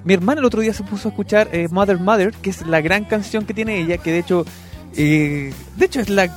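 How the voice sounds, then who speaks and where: A young man with a Chilean accent, hosting a casual radio chat about music, talking with many fillers and restarts. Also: high voice. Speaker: radio show host. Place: radio studio.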